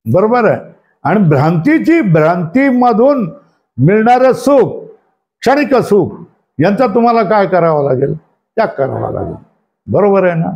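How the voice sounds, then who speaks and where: High-voiced man teaching a scripture class. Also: very animated, unhurried, creaky, a little mellow, lo-fi sound. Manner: asks the class constant questions and checks for agreement; gives dictation to students to number and underline. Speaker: spiritual teacher.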